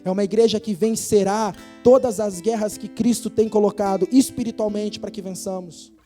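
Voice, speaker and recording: Brazilian male preacher, higher voice, mellow tone, earnest, rising to forceful stress, soft guitar behind. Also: steady tone, moderate pace. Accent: Brazilian Portuguese. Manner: earnest, builds to forceful emphasis, acts out quoted voices. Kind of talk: sermon. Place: church hall.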